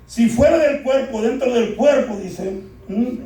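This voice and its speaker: Male preacher, very high voice, call-and-response sermon, recorded in a very reverberant church. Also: unhurried, mellow. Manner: keeps calling out "amados hermanos" and asking the congregation to answer. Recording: echoey church hall, distant from mic.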